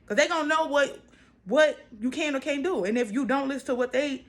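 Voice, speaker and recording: A high-pitched, brisk voice belongs to a twenty-something American vlogger casually addressing her viewers. She speaks emphatically, often repeating herself for stress.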